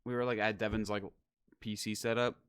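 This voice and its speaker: A young man co-hosts a casual podcast with a bright, clear voice. He jokes easily and lets his sentences trail off. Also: on the low side, little pitch movement, brisk. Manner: joking, easygoing, trails off. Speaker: podcast co-host. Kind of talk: casual chat.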